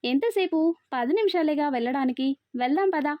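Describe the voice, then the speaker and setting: A woman's voice: high voice, lively intonation, fairly quick, dry recording. Woman doing a caring young heroine. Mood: earnest. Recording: dry, slightly dull recording.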